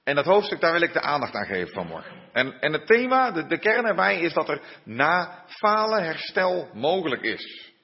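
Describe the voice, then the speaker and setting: A man's voice: a little high, big pitch swings, normal speed. A man preaching a sermon in a church and reading from scripture, speaking unhurriedly with frequent hesitations. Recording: dull muffled sound in a reverberant church.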